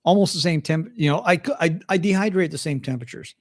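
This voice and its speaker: A man's voice: a little high, quick pace, dry recording, studio quality. An older man hosting a casual livestream chat from home, folksy and chatty, often restarting his sentences. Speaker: host.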